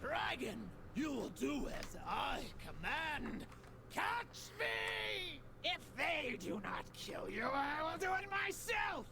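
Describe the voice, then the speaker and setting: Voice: high voice, sing-song, takes it slowly, gravelly, pauses often, slight background noise, exaggerated voice. An actor voicing a fierce, imperious dungeon boss in a video game, barking menacing orders at minions. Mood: furious, commanding. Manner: menacing, imperious, shouted commands. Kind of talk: video game villain acting.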